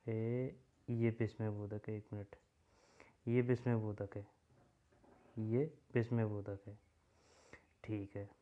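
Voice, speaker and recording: A man's voice: medium pitch, mellow, highs cut off. A man teaching an exam-prep grammar lesson in a casual way, repeating himself as he points things out. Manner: casual, repeats himself while writing on a board.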